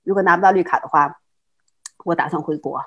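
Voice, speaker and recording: Fast-talking middle-aged woman telling her story. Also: fairly low pitch, a bit bright, lo-fi sound. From China. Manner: fast, with many repeated words and restarts, frequent laughs. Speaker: interview guest. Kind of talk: casual conversational storytelling.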